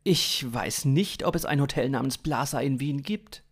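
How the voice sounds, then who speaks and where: A man's voice: medium pitch, moderate pace, voice pushed up, close to an everyday voice. A man voicing a skeptical human man with a dry, wry manner.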